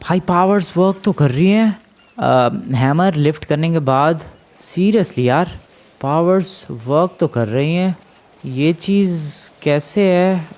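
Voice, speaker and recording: A man giving casual game commentary, excitable and exclaiming, talking to his viewers as friends. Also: fairly high pitch, slow. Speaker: gameplay commentator.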